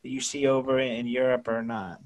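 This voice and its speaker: Man, podcast host, casual interview, halting, repeats words. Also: medium pitch, flat delivery, darkish tone. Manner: halting, restarts words often.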